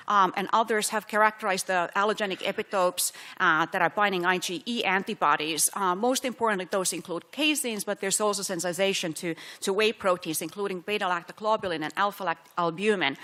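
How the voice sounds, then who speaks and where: A middle-aged woman from Finland giving a scientific conference lecture, explaining carefully with many pauses and fillers. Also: medium pitch, fairly bright tone. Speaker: physician researcher giving a conference talk.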